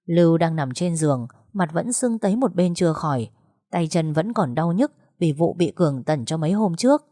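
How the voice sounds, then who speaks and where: A woman telling a dramatic story as narrator, in a steady manner. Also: fairly low pitch, normal speed, no echo, clean studio sound.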